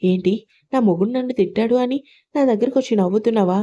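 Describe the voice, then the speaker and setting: A woman's voice: on the high side, quick pace, lightly acted. A woman doing a bitter accusing mother-in-law. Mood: indignant. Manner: accusing, sharp rebukes. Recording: dull lo-fi recording.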